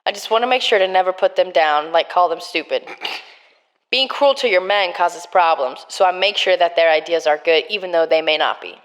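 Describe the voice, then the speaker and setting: A woman's voice: fairly low pitch, fairly quick, natural voice. A woman voicing a hardened male prison gang captain in a murder mystery game, trying for a Boston accent that keeps slipping. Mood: tough.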